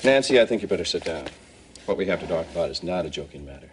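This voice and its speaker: A man's voice: sits low, lively intonation, fast. An actor playing a middle-aged family man in a soap opera, firm and dryly teasing. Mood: stern, measured. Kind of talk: television soap opera acting. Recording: clear background noise, room ambience.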